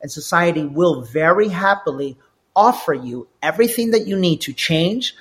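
A man, a life coach, talking through personal stories in an animated, conversational way during an interview, often repeating words as he goes. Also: a little high, normal speed, husky. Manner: animated, repeats words while telling anecdotes.

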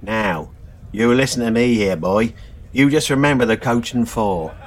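A man's voice: mid-range voice, normal speed, pitched above the performer's own voice, close to an everyday voice. A man voicing an old villager who sternly warns a young drinker in a told story. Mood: warning. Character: wise old male villager giving a warning.

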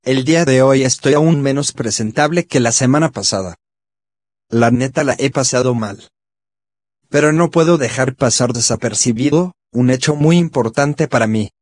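A man's voice: mid-range voice, moderate pace, no echo. A synthesized man's voice, like an old text-to-speech program, narrating a scripted first-person piece as a show contributor.

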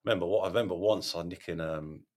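A man with a very deep, low voice speaks candidly in an interview. He halts often, restarting his sentences and filling gaps with ums. His tone stays open and unguarded as he talks through his past. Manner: halting, self-correcting, frequent ums and repeated words. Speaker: podcast host, sharing his recovery story.

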